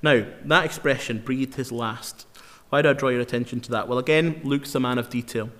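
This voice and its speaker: An earnest man preaching a sermon at a medium pitch. He presses his points hard and slows down to repeat key phrases. His voice rings with a long hall reverb. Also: a bit bright. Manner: earnest, emphatic, with slow dramatic repetitions.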